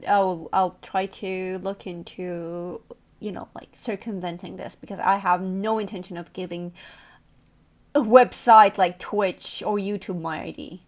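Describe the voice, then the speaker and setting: A woman's voice: mid-range voice, fairly even intonation, measured pace, a little mellow. A woman streamer chatting casually with her viewers, playful and teasing, laughing often.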